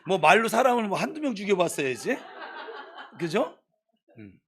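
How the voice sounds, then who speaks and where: Lively, high-voiced preacher man scolding his flock. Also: normal speed. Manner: exhorting, swings from soft to scolding shouts. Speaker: pastor. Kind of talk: sermon. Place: church.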